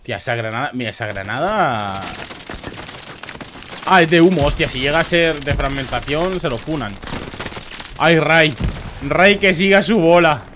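Excitable Murcian man yelling over gunfire. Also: normal speed, long pauses, noisy background. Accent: Murcian Spanish. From Murcia, Spain. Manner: excitable, bursts into loud high yells, swears often. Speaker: streamer reviewing viewer gameplay clips. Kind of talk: excited gameplay commentary. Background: faint game gunfire.

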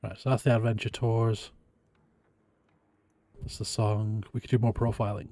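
A man's voice: lowish voice, flat delivery, moderate pace, dark tone, slight background noise. A man streaming a game, giving casual live commentary to his viewers.

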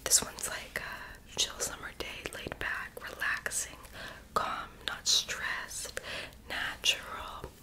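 Whispering young woman, ASMR whispered role-play. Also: slow pace. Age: young adult. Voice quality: breathy unvoiced whisper. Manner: tingly ASMR delivery with mouth sounds. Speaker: ASMR performer playing a friend doing homework and makeup on the listener. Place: small bedroom, indoors.

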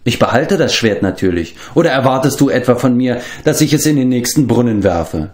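A man reading aloud and voicing a spirited, proud young girl with a sharp tongue. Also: mid-range voice, animated, close to an everyday voice. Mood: insistent. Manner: indignant, quick, sharp-tongued. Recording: roomy echo.

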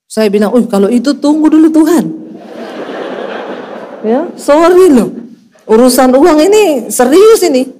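A middle-aged woman pastor, preaching a storytelling sermon and acting out each voice with big pitch swings. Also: darkish tone. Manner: acts out dialogue with dramatic pitch swings.

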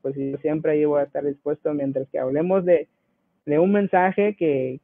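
A man from Guatemala chats as a guest, an easygoing rapper who chuckles as he tells his stories. His voice sits high, and the sound is dry and thin like a phone line. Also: fairly even intonation, moderate pace, creaky, dry recording. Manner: easygoing, chuckles between anecdotes. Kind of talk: casual interview storytelling.

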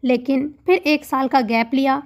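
A woman narrating a romantic audiobook novel in a steady reading voice. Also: high-pitched, moderate pace. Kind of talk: scripted storybook narration.

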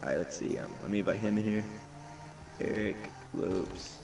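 Young streamer with a gravelly voice. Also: male voice, low voice, moderate pace, background noise. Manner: hyped, slangy, reads chat aloud. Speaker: gaming streamer. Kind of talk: casual live-stream chat. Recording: distant mic under loud game music. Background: loud game music.

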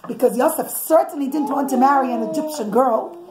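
A middle-aged woman with a high, fairly quick voice tells a story to children, explaining as she goes and acting out what the characters think. She's recorded at home in a living or dining room by a camera or phone on the table about a metre away, with echo, background noise and clicks.

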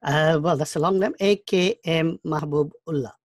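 A man in his fifties from Bangladesh, recalling his life in an interview, talking thoughtfully with halting restarts. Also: a little high. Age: 50s. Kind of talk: oral history interview.

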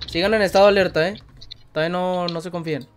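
High-voiced Mexican gamer calling the shots. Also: male voice, steady tone, fast, slight background noise. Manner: bossy, repetitive call-outs with slang. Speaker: gamer leading a raid squad. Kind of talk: casual live game chat.

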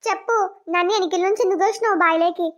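Woman voicing a stern, very high young wife. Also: fast talker. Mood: scolding. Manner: scolding, blunt village speech. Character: stern young wife, sharp-tongued when crossed. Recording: dull lo-fi cartoon audio.

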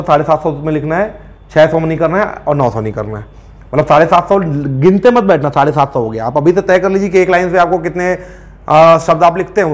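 A man teaches an exam-prep class in a relaxed, chatty lecture. His voice sits somewhat high for a man, and he keeps asking whether his students are following. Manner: conversational, checks understanding with frequent asides.

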